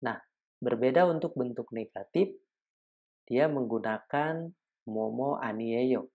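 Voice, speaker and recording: Slow, gravelly man teaching grammar. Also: medium pitch, a little mellow. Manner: careful, repeats each example slowly. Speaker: Korean language teacher. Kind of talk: explaining grammar with slow example sentences.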